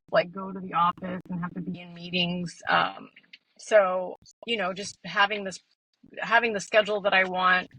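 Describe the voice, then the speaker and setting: A woman speaking as a guest in a casual interview, reflective and soft-spoken, with many fillers. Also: mid-range voice, no echo, rough recording. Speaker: guest, meditation teacher.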